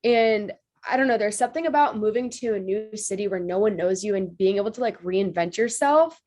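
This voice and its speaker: In a casual podcast interview, a guest in her twenties from Ohio speaks at medium pitch, fairly quickly, with a darkish tone made slightly nasal by allergies. Upbeat and bubbly, she laughs easily and often says "like".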